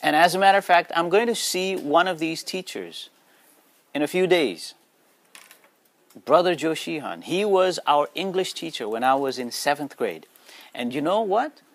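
With a slightly high, expressive voice at a moderate pace and no echo, a forty-something native Nepali speaker from Nepal motivates schoolchildren earnestly. He keeps checking in and putting questions to his young audience.

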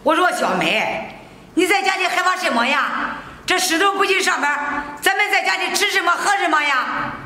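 A woman plays a harsh, mocking mother-in-law who shouts her scolds in a short family drama. The voice sits very high and bright. The recording is very echoey with faint noise behind. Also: expressive, normal speed, full character voice. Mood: placating.

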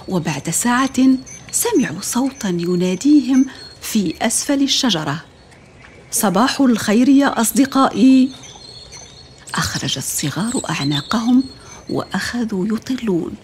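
A woman's voice: medium pitch, slight background noise. Woman narrating a children's story. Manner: warm, measured address to children.

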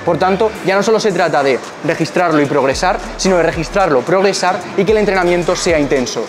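A man's voice: sits high, animated, quick pace, noisy background. A young man, a fitness coach, giving direct gym advice to the camera in an indoor gym, with rhetorical questions, on a clip-on mic. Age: young adult. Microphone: small clip-on mic on shirt. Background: background music.

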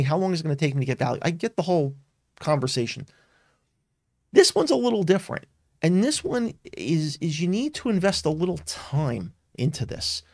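A man's voice: on the high side, darkish tone, no room sound, studio quality. Earnest man hosting a live tech webinar. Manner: earnest, emphatic, many restarts and fillers. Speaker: webinar host. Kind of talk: live-streamed tech talk.

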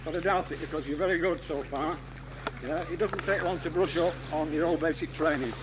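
A man's voice: on the high side, brisk. A man giving clipped, commanding orders and radio calls on a field exercise, repeating his instructions. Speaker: army course instructor. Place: outdoors on open moorland beside a track. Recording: noisy lo-fi outdoor camcorder recording.

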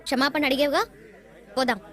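An actress playing a headstrong, sharp-tongued young woman in dubbed film dialogue, talking in a defiant, scolding way. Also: high voice, steady tone, a little fast, a faint crowd. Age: young adult.

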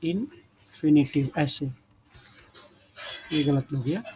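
Male grammar teacher, slightly high voice, patient classroom explaining, faint hiss. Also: slow, a little mellow, poor audio. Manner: addresses students as children, frequent checking tags. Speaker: English teacher.

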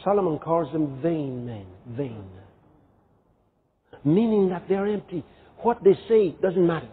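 A man's voice: a little high, unhurried, slight background noise. A male pastor preaching a sermon emphatically, firing rhetorical questions at the congregation. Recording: thin, phone-like sound.

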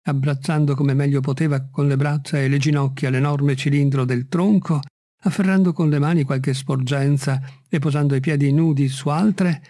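Un lettore di audiolibri dalla voce leggermente alta narra un racconto classico con tono misurato e letterario. Il ritmo è regolare. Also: male voice, on the high side, fairly even intonation, dark tone, dry recording, studio quality. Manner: measured, literary reading. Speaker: audiobook reader. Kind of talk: scripted narration.

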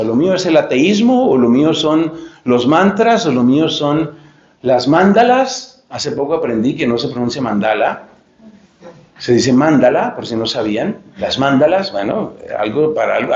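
Animated preaching man, echoey room. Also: fairly high pitch, muffled recording. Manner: animated, joking, searches for words, mocking quoted voices. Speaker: friar preacher. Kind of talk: lecture-style talk.

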